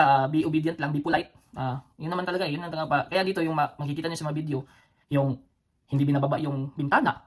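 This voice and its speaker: A man from the Philippines with a Cebuano accent and a slightly high voice hosts a casual storytelling vlog. He's an adult former soldier with children, and he rambles with many fillers and restarts, chuckling between phrases.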